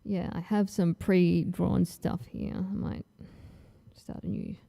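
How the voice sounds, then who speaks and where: Slow, gravelly-voiced Australian woman. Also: fairly low pitch, flat delivery, mellow. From Tasmania, Australia. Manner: chatty and a little nervous, with frequent ums. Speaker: comic artist hosting her launch stream. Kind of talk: casual livestream chat while drawing.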